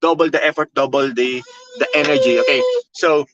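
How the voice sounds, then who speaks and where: This content creation coach, a man with a Filipino accent, booms through a motivational webinar with high energy, emphasis, and repeated key phrases. He often checks in with "okay" and "all right." His intonation stays fairly even and his pace fairly quick, while the audio sounds dull.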